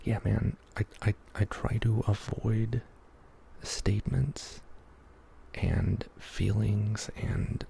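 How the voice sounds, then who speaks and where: A man gives a half-whispered ASMR pep talk in a low, very creaky voice that often slips into breathy whisper. He rambles gently and encouragingly at an unhurried pace. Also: a little hiss or hum. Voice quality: breathy and gravelly, drifting into whisper. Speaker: ASMR YouTuber.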